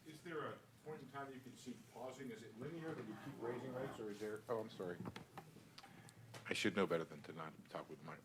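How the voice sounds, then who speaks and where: A man's voice: medium pitch, fast, a crowd in the background. A man asking an informal, hesitant, rambling question as a reporter at a press conference. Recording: clear background room noise.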